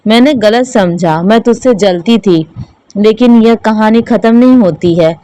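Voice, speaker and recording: A woman's voice: medium pitch, measured pace, warm tone, natural voice. A woman voicing a weeping jealous sister-in-law. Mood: remorseful. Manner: remorseful, pleading. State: crying. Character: jealous elder sister-in-law, quick-tempered.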